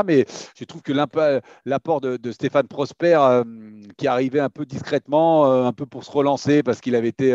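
A man with a Parisian French accent giving his views as a guest pundit in a casual sports discussion, with a halting delivery. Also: medium pitch, warm tone, dry recording, muffled recording.

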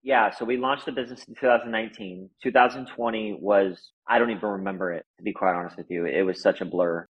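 Husky low-ish guy talking through his startup story, kinda dull lo-fi sound. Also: fairly even intonation, fast talker, hardly any pauses. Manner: earnest, loose talk with frequent "like" and "right?". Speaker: business founder guest. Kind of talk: casual interview storytelling.

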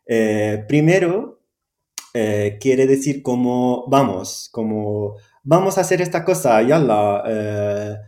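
A man's voice: mid-range voice, lively intonation, slow pace, mellow, reverberant. A man whose first language is Arabic, speaking Spanish as a guest teacher, hesitant with many fillers and frequent laughs. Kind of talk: conversational interview.

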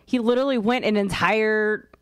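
A woman's voice: mid-range voice, steady tone, clear, resonant tone, no echo. Woman cohost chatting fictional fights, opinionated, dry close sound. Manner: opinionated, quick to argue. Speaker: co-host. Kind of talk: casual chat about fictional matchups.

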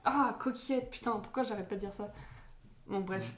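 A young woman in easygoing podcast banter, teasing her friends and poking fun at herself. Her voice sits at a middle pitch. The room is echoey with a faint hiss. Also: fairly quick. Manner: teasing, self-mocking banter. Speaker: podcast co-host. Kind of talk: casual chat among friends. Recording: roomy echo, faint noise.

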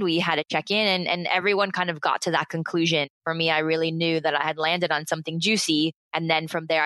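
An American woman in her late thirties talks as a podcast guest, upbeat and chatty, quick to laugh. Her voice sits a little low. The sound is close and dry, with no room around it. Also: pushed and bright, dry recording. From United States. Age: late 30s. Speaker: guest, founder of a play consultancy. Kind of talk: casual interview chat.

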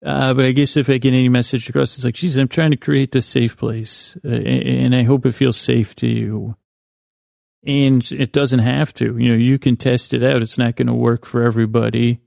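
A man speaks in a deeply creaky, gravelly voice with a mellow, soft-edged tone, rambling through a soothing bedtime monologue. His delivery meanders, halting and interrupting himself as he circles back, with flat, lulling intonation. Like a podcast host talking gently to listeners, he sounds close and dry, with no echo.

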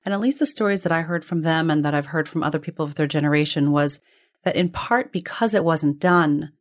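Being interviewed, a woman shares personal stories in a conversational, reflective, discursive manner, frequently qualifying and correcting herself. Her voice sits low and moves a little fast.

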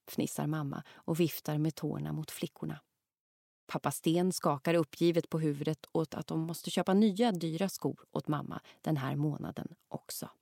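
A woman narrating a children's audiobook, reading lively and acting out the lines. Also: deep voice, vocal fry, no room sound, studio quality. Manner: lively, acts out the characters' lines.

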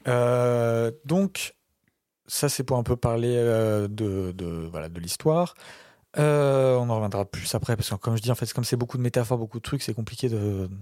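A man's voice: mid-range voice, normal speed, mellow, dry recording, clean studio sound. A man defending his film pick on a podcast, talking with lots of hesitations and restarts. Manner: hesitant, many fillers and restarts. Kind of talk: casual film podcast chat.

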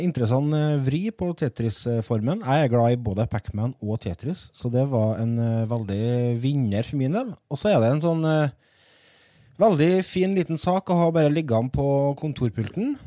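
A man's voice: mid-range voice, warm tone, dry recording, studio quality. A man of forty presenting a podcast in a casual, chatty style. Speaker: podcast host.

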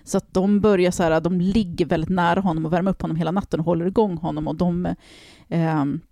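A woman casually telling a story on a podcast, animated, swearing and acting out the people she quotes. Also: lowish voice, no room sound.

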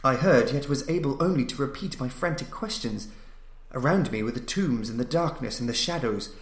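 Reading a gothic horror story like a dramatic audiobook, this male podcast narrator sounds solemn and suspenseful. His mid-range voice is animated and moves at normal speed, and the recording is roomy and echoing.

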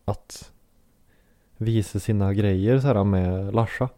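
A Swedish man co-hosting a casual chat, animated and joking, often restarting his sentences. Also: on the low side, no echo. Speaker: podcast co-host.

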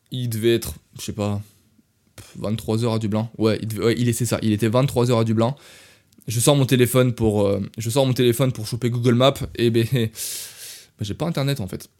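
A young man hosting a podcast, telling a travel story in a casual, animated way and talking straight to listeners. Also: medium pitch, normal speed. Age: young adult. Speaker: podcast host.

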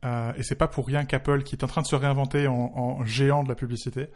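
A man's voice: mid-range voice, little pitch movement, fast. A man speaking as a tech journalist in a conversational commentary, emphatic and wry. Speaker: tech journalist, podcast co-host.

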